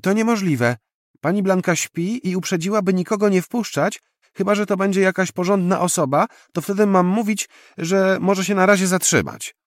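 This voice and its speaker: A man's voice: high-pitched, normal speed, no room sound, studio quality, pitched above the performer's own voice, lightly acted. A man doing a solemn little boy. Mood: earnest. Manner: solemn, matter-of-fact. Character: small earnest serious boy.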